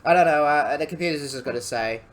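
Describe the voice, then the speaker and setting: A young Australian student, a man whose voice sits on the high side, talks through a coding tutorial. His delivery is halting and casual, packed with ums and jokey asides.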